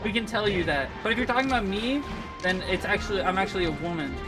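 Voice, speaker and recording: A woman's voice: mid-range voice, expressive, fast, music in the background. A woman commentating a fighting game match, joking with her co-hosts in casual, teasing banter. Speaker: esports commentator.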